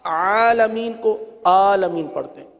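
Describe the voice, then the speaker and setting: A man teaching Quran reading in a recorded lesson, explaining quickly and then drawing out each letter sound slowly and loudly. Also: sits high, long reverb tail.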